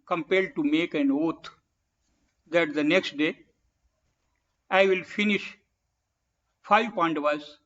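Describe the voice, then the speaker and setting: A man giving a public lecture in a halting way, with many pauses and restarts. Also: a little high, fairly bright tone. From India. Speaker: guest speaker. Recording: dull lo-fi lecture recording.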